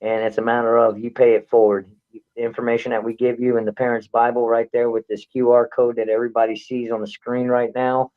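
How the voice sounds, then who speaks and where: Man on a buzzy glitchy call line. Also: mid-range voice. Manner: blunt, fired-up, repetitive rallying speech. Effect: buzzy, glitchy call audio. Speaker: guest activist. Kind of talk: impassioned advocacy talk on a live show. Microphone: remote call connection. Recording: tinny phone-like call line.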